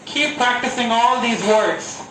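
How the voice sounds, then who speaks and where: Slow, deliberate male English trainer. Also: very high-pitched, pushed and bright, echoey room, recorded from a distance, slight background noise, low-quality recording. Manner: slow, deliberate drilling of single words. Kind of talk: pronunciation lesson.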